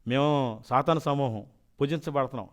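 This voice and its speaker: A man's voice: medium pitch, moderate pace, lightly acted. A man voicing a huge male demon, a fallen angel who speaks in threatening declarations. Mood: menacing.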